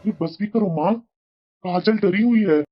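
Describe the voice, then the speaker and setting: A woman's voice: mid-range voice, unhurried, faint music behind, close to an everyday voice. Woman voicing a mild husband, lo-fi. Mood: calming. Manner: mild, soothing, reasonable. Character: calm middle-aged husband and father. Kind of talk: cartoon voice acting. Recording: dull lo-fi sound.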